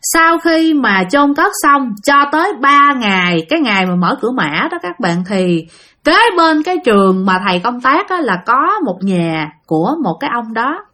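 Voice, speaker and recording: A woman's voice: on the high side, big pitch swings, normal speed, sharp tone. A woman with a Southern Vietnamese accent telling a spooky story in a chatty way, often speaking to her listeners. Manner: chatty, addresses listeners directly, frequent fillers.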